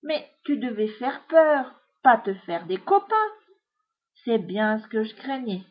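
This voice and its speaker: A woman's voice: a little high, expressive, a little slow. A woman voicing a stern hamster father, a bandit, in a storybook reading, on a dull lo-fi recording.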